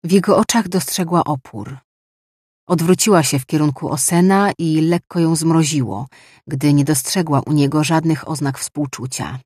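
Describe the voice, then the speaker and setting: An audiobook narrator reading fiction in an even, measured way. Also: mid-range voice, breathy edge, no room sound, studio quality. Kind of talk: scripted narration.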